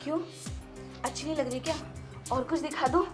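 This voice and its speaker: An actress playing a lonely, manipulative young sister-in-law in a short film drama, coaxing and pleading. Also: female voice, high voice, steady tone, brisk, faint music behind, natural voice. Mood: feigned pain. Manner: coaxing, pleading, then bitterly scheming.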